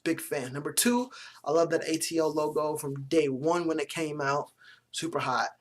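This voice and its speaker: A man's voice: fairly high pitch, normal speed. Blunt, profane man rating basketball jerseys. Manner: blunt, profane, joking opinions; relaxed slangy talk. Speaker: sports vlogger. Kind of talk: casual jersey review vlog.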